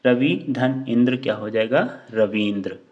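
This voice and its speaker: Male teacher, slow deliberate delivery, asks and answers his own questions, dull lo-fi recording. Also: medium pitch. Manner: slow, drawn-out words when spelling out examples. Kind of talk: grammar lesson with questions to the class.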